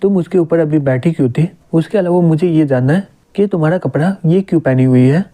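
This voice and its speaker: A man reading the lines of an accusing, jealous young woman in a manga recap, in a fairly high, mellow voice. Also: fairly quick, close to an everyday voice.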